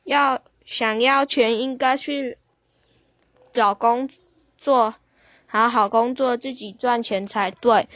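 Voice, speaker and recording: A woman's voice: fairly high pitch, fairly even intonation, a bit bright, no echo, muffled recording. A woman voicing a stubborn, blunt woman who refuses everything and scolds firmly in a children's story. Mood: scolding. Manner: brisk, scolding, firm.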